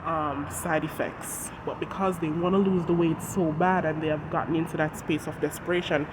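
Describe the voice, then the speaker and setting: Reading scripture and speaking directly to the audience, a congested host with a head cold delivers a sincere devotional message at normal speed. The mid-range voice holds a steady tone over a noisy outdoor traffic background.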